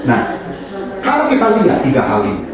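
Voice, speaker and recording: A male pastor preaching a sermon in an animated, joking way, sometimes acting out the voices of the people he quotes. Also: medium pitch, a little fast, far from the mic, over a noisy crowd. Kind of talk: sermon with anecdotes. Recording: echoey room, voice from afar, audible background noise.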